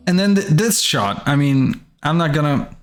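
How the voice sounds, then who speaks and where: A man hosting casual reaction commentary on commercials, halting as he searches for words. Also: a little high, lively intonation. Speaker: host reviewing commercials.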